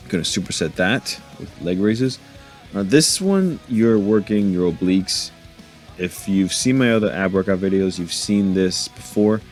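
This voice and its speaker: A man with a low, deep voice talks through his gym workout in a relaxed, joking way, laughing to himself now and then. Faint music plays under his voice-over. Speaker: fitness vlogger narrating his workout. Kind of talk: casual voice-over commentary.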